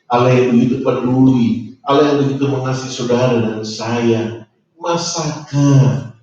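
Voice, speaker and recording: Pastor preaching in an echoey church. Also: male voice, on the low side, a little mellow, a little hiss or hum. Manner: repetitive, emphatic preaching with "Haleluya" and "saudara". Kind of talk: sermon. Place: church hall. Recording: echoey church hall, distant mic, dull.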